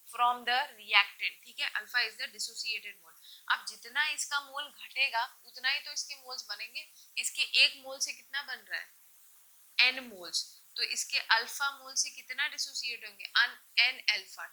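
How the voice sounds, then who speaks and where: Bright-voiced woman teaching chemistry. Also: high voice, takes it slowly, poor audio. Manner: explains step by step, asking questions and answering them herself; checks in often with short confirmations. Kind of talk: classroom lecture mixing Hindi and English.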